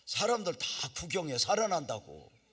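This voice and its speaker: Animated Korean pastor telling a story. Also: male voice, a little high, normal speed, slightly rough. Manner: animated storytelling, acts out quoted voices, bursts into loud cries. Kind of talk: revival sermon storytelling. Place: church sanctuary.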